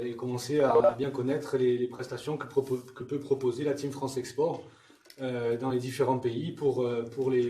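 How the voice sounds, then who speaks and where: A man hosting a webinar introduction informally, haltingly repeating words as he searches, heard in a roomy, distant recording. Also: medium pitch, mellow. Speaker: webinar host giving introduction. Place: training room with attendees. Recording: roomy, distant mic with faint noise.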